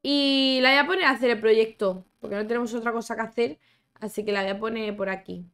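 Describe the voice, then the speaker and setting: A woman's voice: a little high, steady tone, fast talker, a bit bright, smooth. A young woman giving chatty, exclamatory commentary as she plays a life-sim game, talking to her characters and her viewers. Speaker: gaming YouTuber. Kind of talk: casual gameplay commentary.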